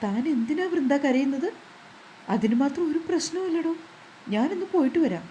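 A woman voicing a gentle young husband who speaks in a soothing, reassuring way. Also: sits high, expressive, a little fast, dull audio, a little hiss or hum, voice pushed up.

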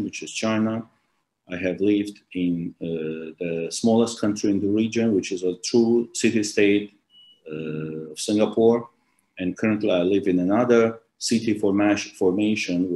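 Deep-voiced man with halting, hesitant delivery. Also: mellow, poor audio. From Armenia. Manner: hesitant, halting, many restarts and ums. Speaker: author presenting his book. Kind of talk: formal presentation with frequent fillers. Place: small office with plain wall. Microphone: laptop webcam on a video call.

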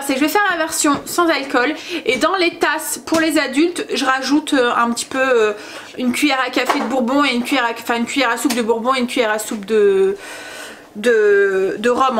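Woman, mother vlogging from her kitchen: high voice, chatty and meandering, lots of hesitations. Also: fairly bright tone, slight background noise. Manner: rambling, chatty, full of hesitations. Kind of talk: casual chat to camera.

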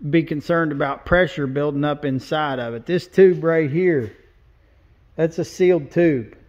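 On a muffled recording, a man with a slightly high, darkish voice talks a little slowly. He's a welder and fabricator in a large indoor metal fabrication shop, walking through his work and pointing things out plainly and casually.

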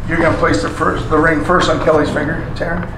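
A man's voice: a little high, little pitch movement, fast, noisy background. A middle-aged man leading a joking wedding ceremony, playful and teasing, calling out vows for the couple to repeat. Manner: playful, teasing, breaks into song. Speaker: wedding officiant in an [name] costume. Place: small wedding chapel. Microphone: handheld mic, far camera. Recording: echoey chapel from far off with guitar.

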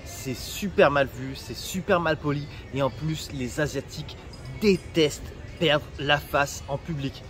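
A man's voice: on the high side, measured pace, a bit bright, soft background music. Chatty man giving travel tips. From France. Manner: chatty, joking, direct advice to viewers. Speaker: travel vlogger. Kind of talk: casual travel tips vlog.

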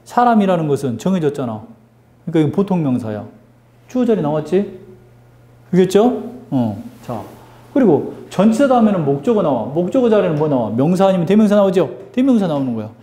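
A male English teacher giving a lively classroom grammar lesson, drilling students with call-and-response questions and teasing them. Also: high-pitched, brisk, roomy sound.

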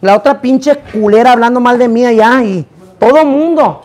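A hoarse man hosting a rowdy live stream at an indoor party, cursing and exclaiming theatrically. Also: very high voice, moderate pace, darkish tone. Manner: brash, profane, theatrical exclamations.

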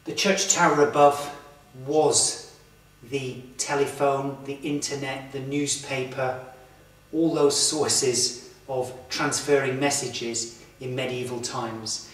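A man in his thirties presenting to camera in a slow, earnest, reflective way, inside a stone church. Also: mid-range voice, fairly even intonation. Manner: slow, earnest, with emphatic pauses. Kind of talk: reflective documentary talk to camera. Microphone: far camera mic. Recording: echoey church from far off.

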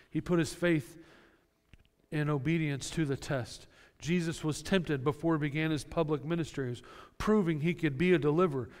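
A male pastor preaching a sermon, earnest and direct, explaining scripture with plain everyday examples. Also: fairly high pitch. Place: church sanctuary. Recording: long church reverb.

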